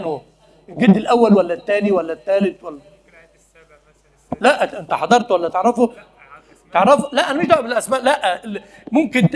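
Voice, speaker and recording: With a high-sitting, slightly rough voice, this Egyptian-accented man preaches in a chatty style, frequently questioning his audience and laughing along the way.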